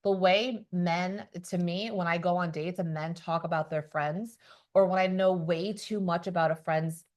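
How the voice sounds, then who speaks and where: A woman's voice: on the low side, fairly even intonation, normal speed, a little mellow. A woman hosting a podcast in casual chat, talking emphatically and acting out the people she quotes. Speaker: podcast host.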